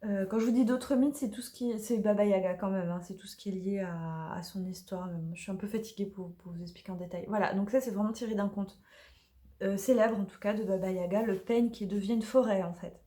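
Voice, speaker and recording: A woman casually presenting her oracle deck, chatty and hesitant with many fillers, slightly hoarse from allergies. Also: mid-range voice, fairly even intonation, fairly quick, dark tone. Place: dim room in the evening.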